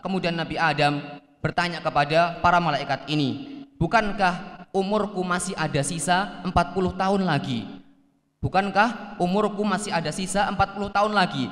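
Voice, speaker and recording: A man's voice: on the high side, a bit bright, in a large hall. A man interpreting a sheikh's religious lecture, restating and explaining each point.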